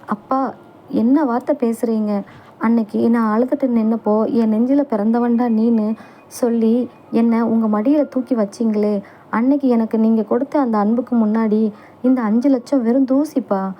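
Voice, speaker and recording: A woman's voice: a little high, fairly even intonation, normal speed, lo-fi sound, natural voice. Woman reading as a devoted son, tearful. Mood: tearful pleading. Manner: emotional, pleading then raging. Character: young man, devoted son, fierce and tearful.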